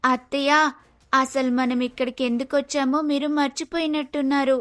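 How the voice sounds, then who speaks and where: A woman's voice: high voice, flat delivery, normal speed, faint music behind, close to an everyday voice. A woman voicing a clever, defiant young daughter-in-law in a cartoon story, speaking firmly and declaratively. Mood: urgent. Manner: firm, declaring, scheming.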